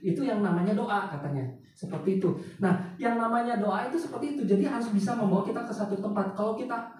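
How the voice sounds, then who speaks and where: A pastor telling a personal story in a sermon, chatting with the congregation and often asking them questions. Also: male voice, high-pitched, fast talker, a little mellow. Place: large church hall. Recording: very echoey hall, voice picked up from far off, faint noise.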